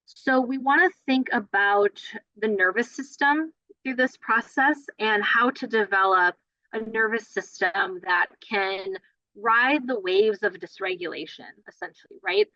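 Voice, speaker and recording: Female trainer with a bright, clear voice and an easy conversational teaching manner, recorded dry. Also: a little high, measured pace, no echo, dull audio. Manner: conversational, many fillers and "right?". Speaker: play therapy trainer. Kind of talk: online training lecture.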